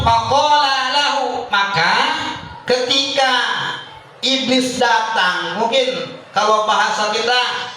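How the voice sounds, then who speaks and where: Male preacher, unhurried humorous sermon, far from the mic with faint background hum. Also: high voice, pushed and bright. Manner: jokey, chuckling storyteller, chanting Arabic phrases slowly. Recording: echoey hall from far off.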